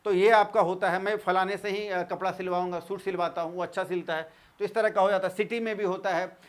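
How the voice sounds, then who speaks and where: A man teaching a commerce lesson, reading English lines slowly and then explaining them in Hindi with fillers. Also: high-pitched, steady tone.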